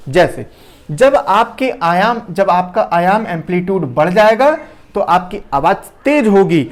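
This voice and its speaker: A man giving a classroom lecture. He asks and answers his own questions and keeps checking that everyone has understood. He drops his voice low and quick, then gets loud and fast to show what he is teaching. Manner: repeats key points with rhetorical questions, checks understanding; shifts loudness and speed to demonstrate.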